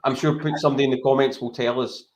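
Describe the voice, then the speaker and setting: Talking football on a podcast, this Scottish co-host rattles off his thoughts rapid-fire in a steady, mid-range voice. It's casual, rambling chat, his points frequently capped with "right?", and there's a little hiss or hum.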